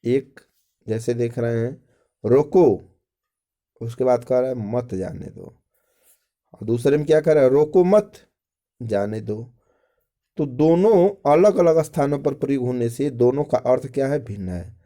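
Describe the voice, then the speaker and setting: Mellow-voiced man teaching grammar. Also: mid-range voice, normal speed. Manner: explains step by step, repeating phrases and asking "ठीक?". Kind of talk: school grammar lesson.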